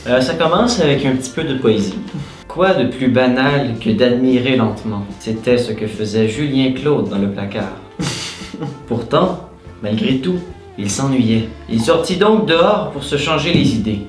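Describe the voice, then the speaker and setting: Lively man reading a mad lib. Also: mid-range voice, a little slow, roomy sound, soft background music. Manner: laughs and shouts often while reading. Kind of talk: casual comedic game reading.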